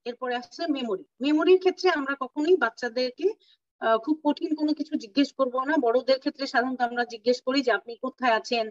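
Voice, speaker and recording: A woman gives an online clinical lecture, slowing down to spell out medical terms and stopping to ask if everyone follows. She sounds set back from the mic on a dull, lo-fi call with a dry, dead sound. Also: high voice, no echo. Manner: explains terms slowly, mixing English terms, checks understanding. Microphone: video call. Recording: distant, dull lo-fi audio, dry.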